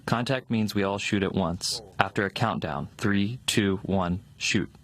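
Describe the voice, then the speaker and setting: Guy w a disguised voice, kinda low, just flatly telling what happened. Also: unhurried. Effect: electronically disguised voice. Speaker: soldier giving testimony. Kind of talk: recorded testimony recounting events.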